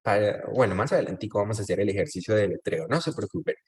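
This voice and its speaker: A man with a lowish voice leads an online language class over a video call. He speaks patiently, drops short French phrases into his explanations and keeps asking whether everyone is following. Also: animated, fast talker, darkish tone, husky. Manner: patient, often checks understanding with tag questions. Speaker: French teacher.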